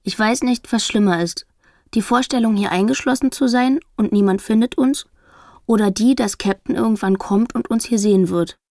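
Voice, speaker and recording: A woman reading a first-person comic story aloud, with lively, exasperated delivery. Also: a little high, normal speed, no room sound, studio quality. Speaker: audiobook reader. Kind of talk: first-person audiobook narration.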